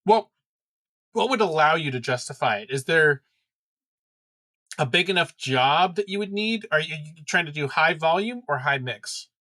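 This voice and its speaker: Bright, dry-sounding curious male co-host. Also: fairly high pitch, animated, moderate pace, no echo. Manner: curious, asks follow-up questions. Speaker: podcast co-host. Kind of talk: casual chat.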